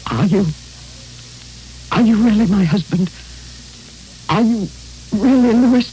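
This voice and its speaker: An actress playing an anxious, devoted wife in an old radio serial, speaking in a tremulous, tearful, pleading way. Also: female voice, mid-range voice, a little slow, mellow, breathy edge, poor audio. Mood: tearful joy. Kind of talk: 1940s radio acting.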